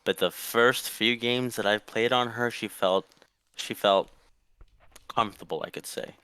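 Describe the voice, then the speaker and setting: Bright-voiced, low-pitched young man. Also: fairly even intonation, a little slow, smooth, dry recording. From Mexico. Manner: polite and upbeat, with restarts. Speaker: student player. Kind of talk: casual chat.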